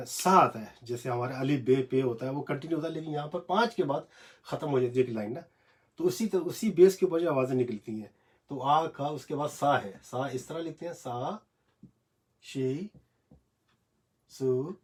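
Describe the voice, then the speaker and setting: A man teaching Japanese script in a casual, halting home video lesson, recorded on a phone in a small cramped room. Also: on the high side, breathy edge. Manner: hesitant, many fillers, repeats syllables slowly.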